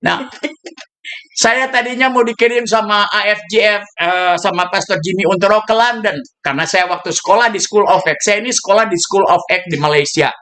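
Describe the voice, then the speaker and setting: A male pastor preaching a sermon, telling stories with sudden shouted bursts and dropping English phrases into his talk. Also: sits high, fairly quick. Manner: storytelling with shouted bursts and laughs.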